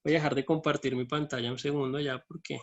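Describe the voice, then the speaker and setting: A man's voice: medium pitch, little pitch movement, quick pace, dull audio, slight background noise. A man teaching an online math lesson from his computer, explaining each step and checking in with his students.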